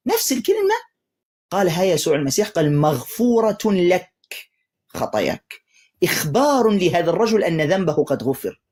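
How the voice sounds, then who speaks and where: A man hosting a live religious debate stream, lecturing forcefully and cutting in to taunt a caller. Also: sits high, big pitch swings, fast, breathy edge.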